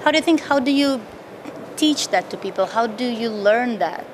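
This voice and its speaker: A woman's voice: on the high side, animated, moderate pace. A woman interviewer asking brief, plain questions outdoors. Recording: outdoor recording with traffic noise.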